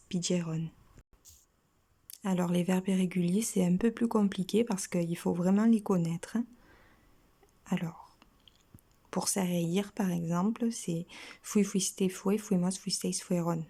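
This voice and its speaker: A woman with a French accent teaches a casual language lesson, slowly listing verb endings one by one. Her voice is mellow and sits a little low, and she often drops into a soft half-whisper as she recites.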